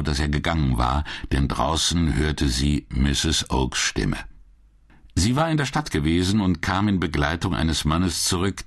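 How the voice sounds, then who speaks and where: Very deep, gravelly male narrator. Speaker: audiobook narrator. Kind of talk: scripted narration.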